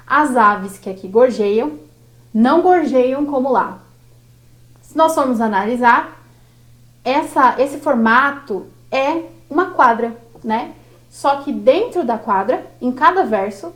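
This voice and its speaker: A Brazilian Portuguese-speaking woman teaching a workshop lesson on verse, slow and didactic, drawing out each syllable. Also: sits high.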